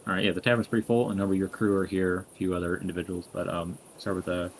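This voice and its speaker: Deep-voiced guy dming a tabletop game, laid back, crickets faint in back. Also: racing, a little hiss or hum. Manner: relaxed, rambling with fillers. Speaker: dungeon master.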